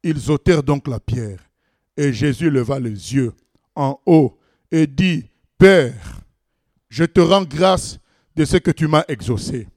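A man preaching a sermon, reading scripture aloud and commenting on it, swinging between loud exclamations and low asides. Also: expressive, takes it slowly, no room sound, clean studio sound.

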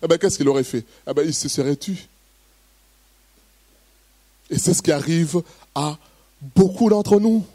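A man's voice: on the high side, steady tone, moderate pace, pauses often, mellow, dry recording. A man preaching a sermon, first reading a Bible passage steadily, then preaching with emphatic, rising bursts.

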